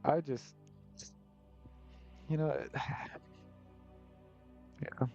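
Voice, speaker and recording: A man talks casually on his live stream as he paints, rambling and poking fun at himself. His mid-range voice is gravelly and dark in tone. The audio comes through a little muffled, with faint music playing underneath. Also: fairly high pitch, fairly even intonation, drawn-out words. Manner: joking, self-deprecating, rambling with frequent laughs. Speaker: artist streamer.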